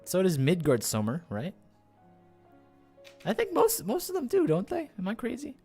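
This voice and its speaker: A man's voice: high-pitched, wildly swooping pitch, moderate pace, warm tone, breathy edge. Chatty male game streamer. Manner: rambling, joking, asks rhetorical questions. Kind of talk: casual live reaction commentary. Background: game music.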